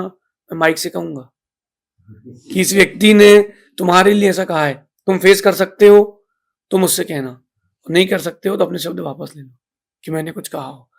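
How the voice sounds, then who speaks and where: A man giving a moral sermon as a monk, speaking emphatically with swells and drops in loudness. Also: high voice, creaky. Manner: emphatic, rising and falling in loudness.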